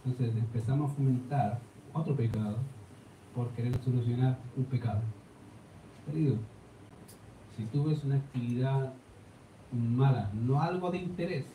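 Man, Chilean accent, pastor, sermon, rhetorical questions, very dark voice, distant mic. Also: mid-range voice. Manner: direct, urges with rhetorical questions. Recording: echoey room from a distance, faint noise.

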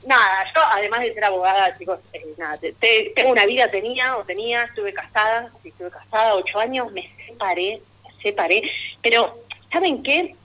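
A woman's voice: medium pitch, brisk, pushed and bright, a little hiss or hum, low-quality recording. A woman with a Rioplatense Argentine accent doing a stand-up monologue on radio, telling stories with chatty asides to the audience and laughing at her own punchlines. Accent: Rioplatense Argentine Spanish. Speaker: stand-up comedian.

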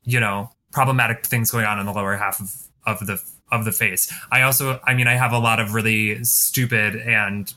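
A man's voice: lowish voice, steady tone, normal speed, bright, forceful tone. A man hosting a podcast in casual chat, with a wry, gossipy way of talking. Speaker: podcast host.

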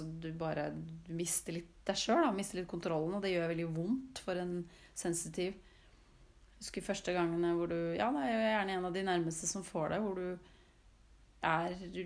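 A woman's voice: lowish voice, creaky, darkish tone. A woman host talking casually to her listeners, reflective and often searching for words with fillers and restarts. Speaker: host speaking about sensitivity. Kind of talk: casual spoken talk to listeners.

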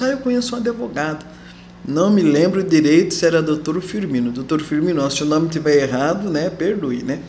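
A woman recalls her years as an activist in a relaxed interview, slipping into the voices of the people she quotes. Her voice rings in an echoey room with a faint hiss of background noise. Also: on the low side. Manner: lively storyteller who acts out quoted voices. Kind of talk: casual interview recollection.

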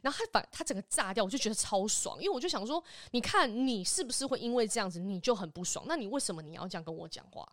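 A woman in her thirties with a Taiwanese Mandarin accent, co-hosting a podcast and telling stories in a lively, laughing way. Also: on the high side, no room sound, clean studio sound. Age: 30s. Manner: animated storyteller, quick to laugh. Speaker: podcast co-host. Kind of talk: casual chat.

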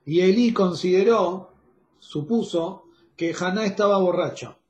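A man's voice: sits high, a little slow, a little mellow. Rioplatense man teaching an online class. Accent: Rioplatense Spanish. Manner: explains step by step, checks in with "¿está bien?". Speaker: Torah teacher. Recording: roomy echo.

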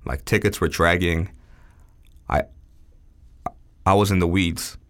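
A man's voice: low-pitched, takes it slowly, a bit bright. A man, a chef as a guest, telling stories in a loose, laid-back way full of fillers. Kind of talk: casual chat.

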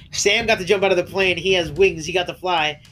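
A man's voice: high-pitched, moderate pace, fairly bright tone, faint music behind. Rambling man recapping a show. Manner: rambling retelling with laughs and restarts. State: coughing, voice breaking. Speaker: podcast co-host. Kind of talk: casual recap chat.

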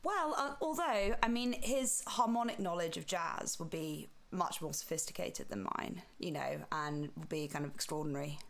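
A woman's voice: deep voice, normal speed, creaky, hardly any pauses. A woman speaking as a musician guest in a casual interview, informal and tentative, letting phrases trail off. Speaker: interview guest, classical pianist.

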